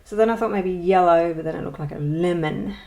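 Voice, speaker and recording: This woman, a colouring channel host, speaks in a fairly low, mellow voice at a brisk pace. Her casual show-and-tell vlog is rambling and hesitant, packed with ums and self-deprecating remarks.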